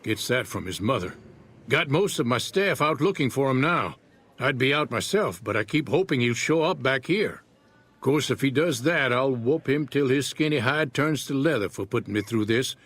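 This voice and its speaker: Husky, folksy rancher father. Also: mid-range voice, animated, moderate pace, fairly bright tone. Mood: worried, gruff. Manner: folksy, plain-spoken. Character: gruff, worried male rancher father in a western wasteland. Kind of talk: video game character dialogue.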